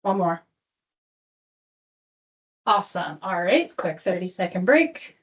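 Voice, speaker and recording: A woman's voice: lowish voice, big pitch swings, takes it slowly, lo-fi sound. A woman leading an exercise class as instructor, giving cues and countdowns in an encouraging, peppy manner. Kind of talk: workout coaching with cues and countdowns.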